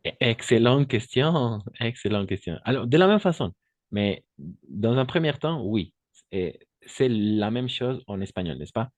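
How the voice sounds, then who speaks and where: A man's voice: medium pitch, big pitch swings, a little slow, no echo. A man who speaks Spanish natively teaches French pronunciation to Spanish speakers, patiently repeating words and checking in with his students. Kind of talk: online language lesson.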